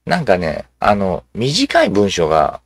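A man giving casual commentary as he reads social media replies aloud, musing and halting, with many fillers and asides. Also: lowish voice, huge pitch swings, gravelly, no room sound.

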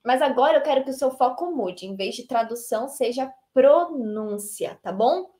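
A woman with a Brazilian accent teaches an online English lesson in a lively, chatty way, often ending her points with a short tag question. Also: sits high, normal speed. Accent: Brazilian Portuguese.

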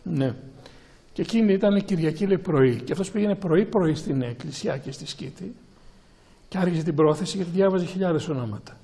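Greek priest's high, gravelly sermon voice. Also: male voice, lively intonation, warm tone. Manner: slow, halting delivery with many restarts and repeats. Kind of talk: sermon with a question time.

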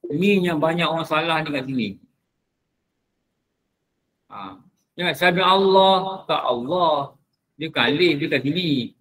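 Bright high-voiced Malaysian religious teacher. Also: male voice, rough recording. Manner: drills pronunciation, slowly drawing out recited phrases and quizzing listeners. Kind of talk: mosque lecture. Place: mosque.

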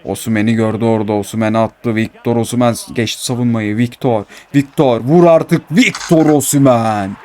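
A man commentating his own football video game match, swinging between calm narration and excited, complaining outbursts. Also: medium pitch, moderate pace, hardly any pauses. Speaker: gaming YouTuber.

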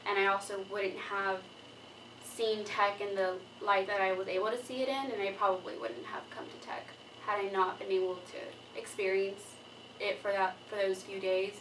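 A young woman from San Benito, Texas, a student giving sincere, soft-spoken interview answers indoors. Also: mid-range voice, normal speed. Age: young adult. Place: indoor room by a window. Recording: distant mic with steady hum.

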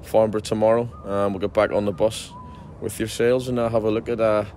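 A man in his forties, a football manager, gives a chatty post-match interview outdoors at a ground at night, full of fillers and restarted sentences. His voice is on the low side, a little fast and a little mellow, with little pitch movement and slight background noise.

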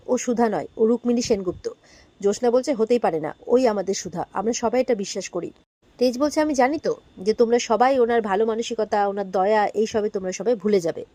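A woman's voice: fairly high pitch, dark tone, no room sound. A woman casually retelling a drama episode, quoting the characters' lines and stopping often to correct herself. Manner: retells dialogue with frequent restarts and fillers. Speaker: serial recap narrator. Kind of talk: casual storytelling recap.

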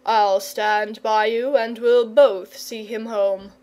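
A woman voicing a kindly, gentlemanly male saint and knight in a children's story, measured, reassuring and firm. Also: fairly high pitch, fairly even intonation.

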